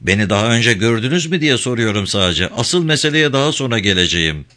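A man voicing a weary male detective who asks questions in a low, measured way, in an audiobook reading. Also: expressive, sharp tone. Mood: questioning.

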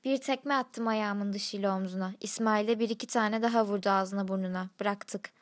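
A woman's voice: mid-range voice, steady tone, moderate pace. A woman reading a first-person story aloud, in blunt, slang-laden narration.

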